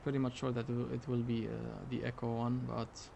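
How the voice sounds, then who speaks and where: A man's voice: mid-range voice, completely flat delivery, fairly quick, gravelly, mellow, slight background noise. A man live-streaming a flight simulator, thinking aloud and muttering hesitantly as he works through tasks. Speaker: flight sim streamer playing airline pilot.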